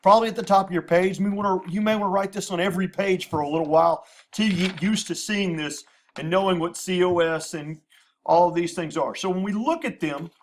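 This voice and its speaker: A man's voice: high voice, fairly quick, a little hiss or hum. A man teaching a lesson at a whiteboard, patiently repeating terms and spelling out abbreviations. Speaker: math teacher. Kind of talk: classroom lecture at a whiteboard.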